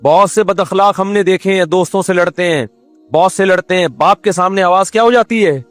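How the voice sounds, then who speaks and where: Male preacher with a Pakistani Urdu accent, high voice, lively and questioning, dry close sound. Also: no echo, soft background music. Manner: lively, rhetorical questions, recites Quranic Arabic. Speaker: Islamic scholar giving a sermon. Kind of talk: sermon.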